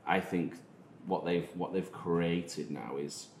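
Male podcast host, Manchester accent, very deep register, rephrases as he goes, faint background noise. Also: steady tone, slow pace, darkish tone. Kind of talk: casual discussion of digital marketing. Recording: roomy echo, faint noise.

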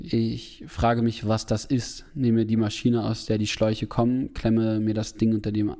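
A man hosting a podcast, reading his own short story in a calm, measured way, then chatting casually to his listeners. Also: on the low side. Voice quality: gravelly, dark voice. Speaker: podcast host.

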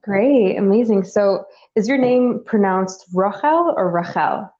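A woman's voice: medium pitch, a little slow, mellow. A woman hosting an interview, chatty and friendly, with many fillers. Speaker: interview host. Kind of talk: casual interview conversation. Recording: dull lo-fi recording.

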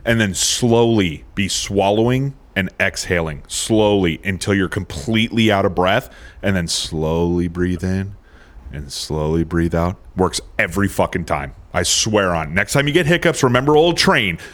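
A man's voice: low-pitched, moderate pace. A man co-hosting a podcast in crude, casual banter, brash and boastful with lots of swearing. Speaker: podcast co-host.

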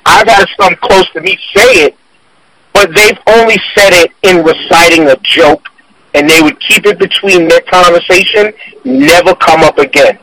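A podcast guest, a man, speaks over a conference call. His voice is high and bright. He talks earnestly in long, run-on explanations during casual chat. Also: normal speed, dry recording, rough recording.

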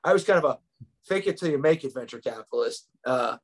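A New York man in his fifties, guesting on a podcast, tells his story in a conversational interview style that is easy and reflective. He often restarts phrases with small fillers. His ordinary mid-pitched voice is husky and expressive, and he speaks at a quick pace.

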